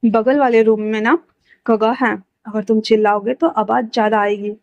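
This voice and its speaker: A woman's voice: a little high, steady tone, moderate pace, darkish tone, no echo, lightly acted. A woman voicing a bossy, teasing young male professor who gives curt commands, on a dull lo-fi recording.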